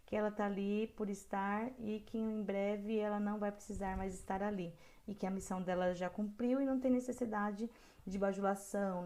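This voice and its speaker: A woman's voice: medium pitch, mellow. A middle-aged woman teaching a caregiver course, reading guidelines with earnest asides and frequent hesitations. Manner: earnest, frequent hesitations, emphatic on key points.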